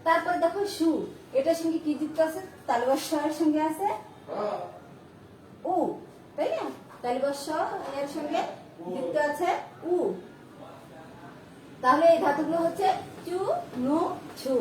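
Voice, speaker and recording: Female teacher, high voice, repetitive questioning style, distant mic in an echoey room. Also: a little slow, pauses often, slight background noise. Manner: repeats and asks rhetorical questions. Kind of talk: online grammar lesson.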